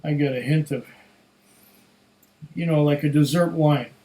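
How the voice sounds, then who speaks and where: A whisky reviewer gives a casual solo tasting, musing to himself in an unhurried, savoring manner. His slightly hoarse voice sits on the high side, with a steady tone and a mellow quality.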